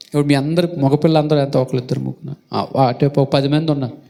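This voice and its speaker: A male pastor preaching a sermon, asking the congregation questions and acting out loud calls. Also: medium pitch, steady tone, quick pace, gravelly. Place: church hall.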